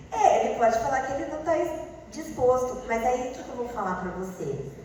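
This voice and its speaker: A woman's voice: fairly high pitch, fairly quick, a little hiss or hum. A woman teaching a class, acting out example dialogues in different voices. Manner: animated, acts out example dialogues with shifting voices. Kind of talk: classroom lecture. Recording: echoey room, voice far from the mic.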